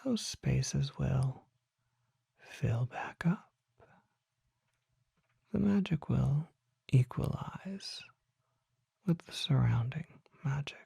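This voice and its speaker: Whispering right into a close mic, an ASMR performer voices a mysterious vampire apothecary in an exaggerated, expressive, dark mid-range tone that is husky, breathy and touched with fry. The hushed, mysterious monologue is slow, formal and deliberate with measured pauses, and the recording is dry with no room sound.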